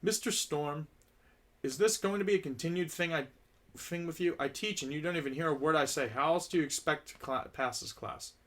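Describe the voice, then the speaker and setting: A man's voice: fairly high pitch, fairly quick, a bit bright, pitched above the performer's own voice, close to an everyday voice. A man reading as a stern lecturing teacher. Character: stern male schoolteacher scolding a student.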